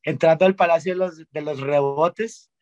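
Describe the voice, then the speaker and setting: Young guy from monterrey, kinda high voice, slangy rambling stories, lots of restarts. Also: normal speed, no room sound, dull audio. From Monterrey, Mexico. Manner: slangy, animated storytelling with many restarts. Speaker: guest singer-songwriter. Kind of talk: casual interview chat.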